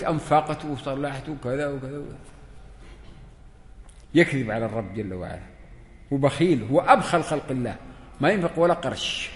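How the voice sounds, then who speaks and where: A man, giving a religious lesson and putting questions to his listeners. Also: mid-range voice. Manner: questions the listeners, acts out dialogues. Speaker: religious teacher. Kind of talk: lesson to a seated audience. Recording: echoey hall.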